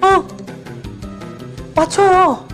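A woman's voice: very high-pitched, fairly even intonation, extremely slow, faint music behind. A woman hosting her channel, describing clues in a party guessing game and repeating words over and over. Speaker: channel host.

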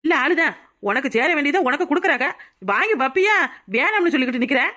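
Pushy cartoon village neighbor, voiced by a woman, high voice, fast nagging, tirunelveli tamil accent. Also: animated, pushed and bright. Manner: nagging, urging. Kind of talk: cartoon voice acting.

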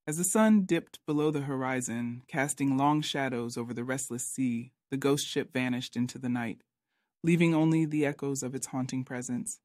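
A man reading a scripted spooky story as narrator, with an even, dramatic storytelling delivery. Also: medium pitch, dry recording, studio quality.

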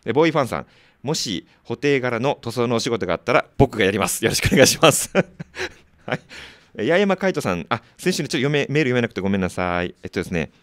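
A man's voice: mid-range voice, sing-song, no room sound. A man hosting a community radio show, reading listener mail in a chatty, joking way with frequent laughter. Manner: chatty, laughing often, quick asides to listeners.

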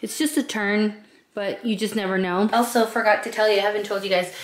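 A woman's voice: medium pitch, fairly even intonation, brisk. A woman in her thirties chatting casually to the camera at home, explaining things in an easygoing, talkative way. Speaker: vlogger and flight attendant. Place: indoor rooms at home, kitchen and bedroom. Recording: echoey home rooms.

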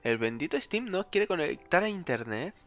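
A man's voice: on the high side, very animated, normal speed, highs cut off, soft background music. A man giving casual, exasperated let's-play commentary, muttering and laughing often. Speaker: gaming streamer.

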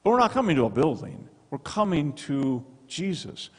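A middle-aged male pastor preaches with an emphatic, animated delivery into a handheld mic. His voice sits a little high and swings widely in pitch. The sound carries a long church-hall reverb. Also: moderate pace, husky. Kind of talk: sermon. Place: church sanctuary with stone wall and projection screen. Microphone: handheld microphone.

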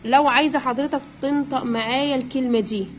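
A woman's voice: high-pitched, steady tone, fast talker, a little hiss or hum. A young woman with an Egyptian Arabic accent, teaching a primary English pronunciation lesson, coaxing her listeners and drilling words by repeating them.

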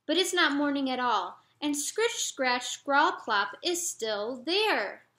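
A woman reading a picture book aloud, slow, expressive and gentle. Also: high-pitched, echoey room. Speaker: storyteller.

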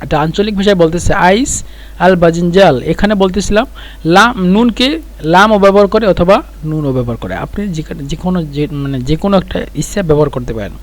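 A middle-aged man gives a spoken Arabic lesson, saying each phrase several times and breaking it down word by word. His voice sits fairly high, and he keeps a patient teaching rhythm. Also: animated. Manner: repeats phrases slowly, explains word by word.

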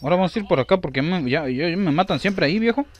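A young man commentating his own gameplay, excitable and repeating himself as he talks. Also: high-pitched, rapid-fire, muffled recording.

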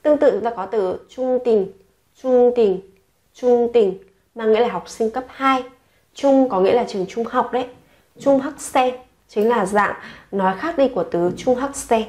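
Woman teaching words, repeating each clearly. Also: a little high, a little mellow. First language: Vietnamese. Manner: repeats each word several times, slow and clear. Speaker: Korean language teacher. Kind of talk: explaining vocabulary to learners.

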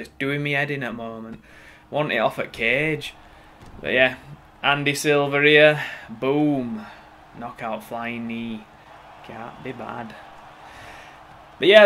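A man's voice: a little high, pushed and bright, a little hiss or hum. A young man giving casual, upbeat gameplay commentary as a channel host. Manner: chatty, upbeat, informal.

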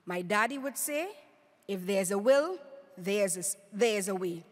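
A woman's voice: medium pitch, expressive, a little slow. A middle-aged woman delivering a prepared, rousing speech at a podium microphone in a conference hall. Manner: rhetorical, rousing, paced with emphatic lists. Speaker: award speaker. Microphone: podium mic on stand.

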